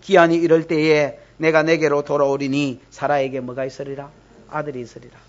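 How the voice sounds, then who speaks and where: A woman pastor with a Gyeongsang accent preaching a lively, teasing sermon to her congregation during a church service. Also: deep voice, brisk, dull audio. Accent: Gyeongsang Korean. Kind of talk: expository sermon.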